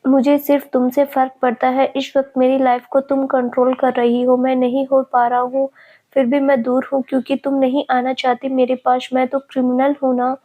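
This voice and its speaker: A woman's voice: high voice, monotone, moderate pace, narrow, tinny audio. Woman voicing a remorseful young man, tearful. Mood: pleading. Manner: tearful, pleading. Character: remorseful young man pleading with his love.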